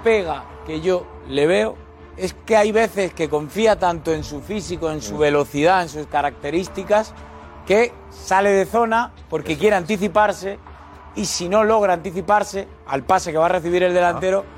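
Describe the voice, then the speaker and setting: A man's voice: sits high, normal speed, soft background music. A man analysing football footage as a pundit in a studio sports debate.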